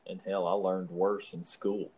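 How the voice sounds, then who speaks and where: A man with a husky voice, chatting casually. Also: low-pitched, level tone, measured pace, dark tone. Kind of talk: casual chat.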